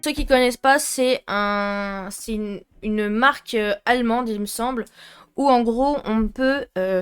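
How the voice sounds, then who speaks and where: A French-speaking woman chatting casually through an art-supply unboxing, hesitant with many fillers and frequent giggles. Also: a little high. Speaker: art vlogger.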